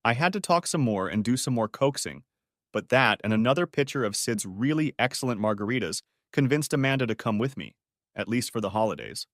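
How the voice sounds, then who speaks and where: A man narrating a first-person family story in a steady, matter-of-fact way on a close mic. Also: mid-range voice, fairly quick, dry recording.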